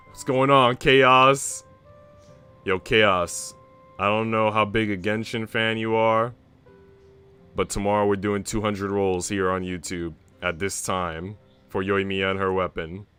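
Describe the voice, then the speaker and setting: Over background music, a young man streams a visual novel, shifting from relaxed, slangy chatter to reading the text aloud. His low voice sounds pushed and bright, with a clear, resonant quality.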